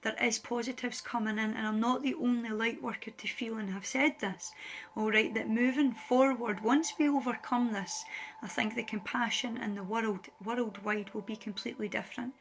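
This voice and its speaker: A woman's voice: on the high side, fairly even intonation, moderate pace. A woman speaking as a spiritual light worker, earnestly pleading with viewers in a heartfelt direct address, emotional and close to tears. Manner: earnest, pleading, repeats phrases for emphasis.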